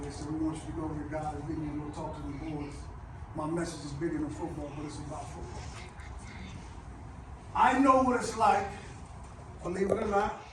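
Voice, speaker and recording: Male coach, impassioned pregame pep speech, emphatic repetition, distant microphone, clearly noisy recording. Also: sits high, heavy reverb. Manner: emphatic, preacher-like repetition and rhetorical questions. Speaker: former high school football coach giving a guest pep talk.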